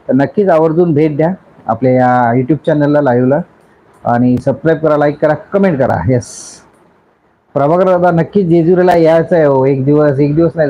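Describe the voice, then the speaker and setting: Hosting a casual YouTube live stream, a man from Raigad, Maharashtra, India, warmly greets commenters one after another in an effusive, chatty way. His voice is on the high side and the audio sounds dull.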